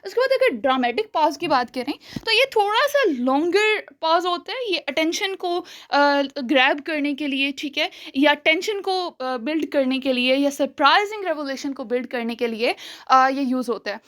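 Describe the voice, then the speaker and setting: A woman teaching a spoken-English lesson, explaining step by step, checking in often with her listeners, and showing volume changes, pauses and stretched words. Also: high-pitched, animated, fairly bright tone. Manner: explanatory, checks in with frequent "theek hai?".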